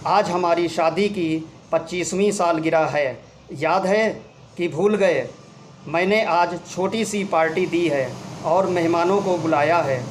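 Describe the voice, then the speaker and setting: A woman's voice: lowish voice, slow, a little hiss or hum. A man voicing a middle-aged wife who teases and scolds her husband fondly. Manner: scolding then fond, homely.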